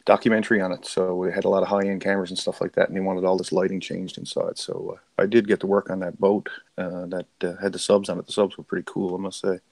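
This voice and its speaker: A man's voice: sits low, level tone, quick pace, vocal fry, hardly any pauses, a little mellow. A man of fifty telling rambling stories as a guest on a casual chat stream, laughing easily. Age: 50s.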